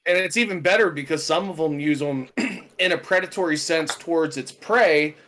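Relaxed man, slightly higher voice. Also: moderate pace. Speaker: podcast co-host. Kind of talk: casual chat.

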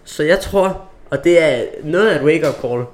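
A man's voice: fairly high pitch, animated. A man chatting casually as he gives football predictions. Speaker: co-host giving football predictions. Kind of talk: casual chat.

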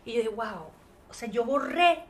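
A woman with a Venezuelan accent, a singer as interview guest, telling her story in a lively way and acting out the voices she quotes. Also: a little high, normal speed, slight background noise.

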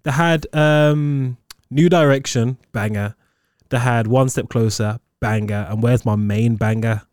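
A man's voice: medium pitch, steady tone, unhurried, darkish tone, clear, resonant tone, no echo, studio quality. A man in his twenties with a London roadman accent, bantering casually in heavy slang. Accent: London roadman, Multicultural London English. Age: 20s. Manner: slang-heavy, punctuating with "bro" and "innit".

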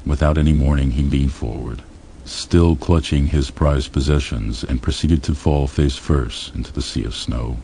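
A man reading a crude comedy story aloud in a deadpan, matter-of-fact way. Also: a bass voice, normal speed, creaky, slight background noise. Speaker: audiobook narrator.

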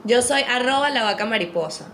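A woman's voice: a little high, animated, a little fast, crowd noise. A woman guest chatting playfully on a podcast. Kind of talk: casual chat.

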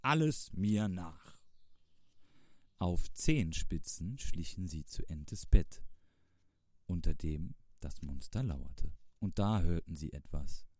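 A man reading a children's storybook aloud in a calm, measured way. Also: deep voice, husky, no room sound, studio quality. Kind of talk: storybook narration.

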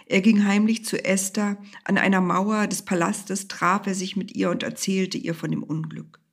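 A woman's voice: medium pitch, level tone, normal speed, slightly rough. A woman narrating a storybook tale expressively, sometimes dropping to a whisper.

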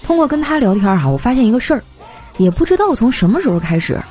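A young woman telling comic anecdotes in a chatty, animated way, slipping into voices for the people in her stories. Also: fairly high pitch, quick pace. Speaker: comedy storyteller. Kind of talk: scripted comic monologue. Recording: light background music. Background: faint music.

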